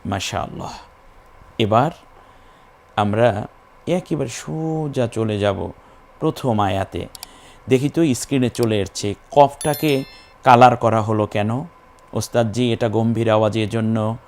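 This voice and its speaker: A man teaching a recitation lesson step by step, spelling out syllables and drawing out the chanted words slowly. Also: lowish voice, darkish tone.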